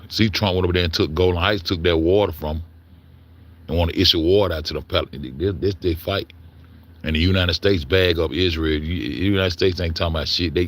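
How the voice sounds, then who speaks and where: A man delivering a heated, profane monologue, stumbling over words and repeating himself as he argues his point. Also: deep voice. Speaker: commentator. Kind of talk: ranting monologue.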